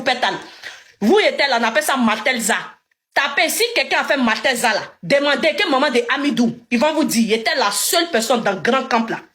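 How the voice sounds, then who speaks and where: Ivorian lady livestreaming, talks super fast, bit high voice, acts out all the dialogue. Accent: Ivorian French. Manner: animated, emphatic, acts out dialogue. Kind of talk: live storytelling to viewers.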